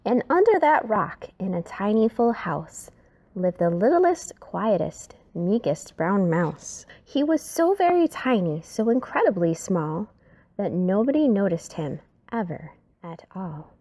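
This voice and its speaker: Reading a little slowly in a mid-range voice, a woman brings a rhyming children's story to life with dramatic expression and the occasional hushed moment.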